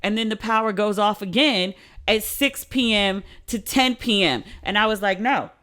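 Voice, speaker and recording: A woman's voice: mid-range voice, moderate pace, fairly bright tone. Casting: woman, mid-range voice, tipsy, slangy solo podcast host in loose, unscripted chat. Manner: informal, salty, uses slang and repeats for emphasis. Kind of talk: casual chat, unscripted monologue.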